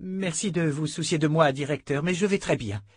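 A timid young noblewoman, as a man reading aloud puts her on, careful and polite. Her voice sits higher and a touch strained, recorded close and dry. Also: normal speed, slightly rough, no room sound. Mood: nervous politeness.

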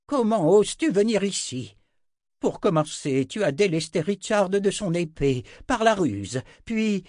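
A man voicing an excitable, hot-tempered old wizard in an audiobook. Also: medium pitch, extremely slow, no echo, clean studio sound, pitched above the performer's own voice. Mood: agitated. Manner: agitated, exclaiming.

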